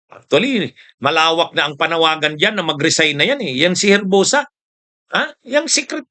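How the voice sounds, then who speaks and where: Forceful, mocking male political commentator. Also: a little high. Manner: mocking, laughs often, keeps asking "ha?"; repeats points for emphasis. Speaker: political commentator and show host. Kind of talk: casual political commentary monologue.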